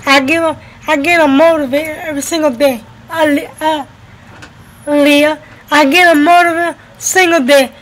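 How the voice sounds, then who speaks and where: Unhurried and a bit bright, her high-pitched voice stays steady as she vlogs casually from indoors at home by a window. She is a woman in her twenties from the United States, New Jersey and Florida, repeating her phrases for emphasis into a webcam at arm's length that records roughly.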